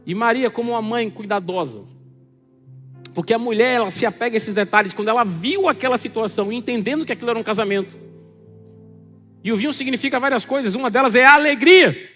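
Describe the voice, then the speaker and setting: A Brazilian preacher with a very high, bright, forceful voice delivers an animated sermon and acts out the voices of the people in it. His voice rings with long reverb in a church hall, with faint music underneath. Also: quick pace. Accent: Brazilian Portuguese.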